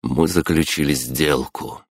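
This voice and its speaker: A man narrates a fantasy audiobook in the first person, his voice extremely deep and thick with gravelly fry. He reads slowly, grave and measured, with a husky edge. The recording is close and dry. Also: steady tone, no echo.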